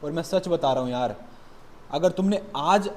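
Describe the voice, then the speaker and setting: Man lecturing on accounts, fatherly scolding tone, slightly high pitch, faint room hum. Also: normal speed, a little mellow. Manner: calls students "beta", blunt motivational scolding. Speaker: accountancy teacher. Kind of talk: classroom lecture.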